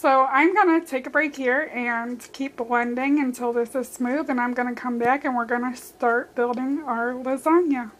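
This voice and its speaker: A woman's voice: sits high, fairly even intonation, normal speed, few pauses. A young woman giving casual step-by-step cooking instructions in a home kitchen, her voice a little worn. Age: young adult. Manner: chatty, step-by-step instructions to viewers. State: losing her voice. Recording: cooking and dish noise in the background.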